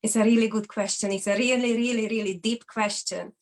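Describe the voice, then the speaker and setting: With a fairly high, fairly even voice and a fairly quick pace, a Hungarian-accented woman in her forties opens up about her own experiences as an interview guest. She comes from Hungary and speaks in an earnest, candid way.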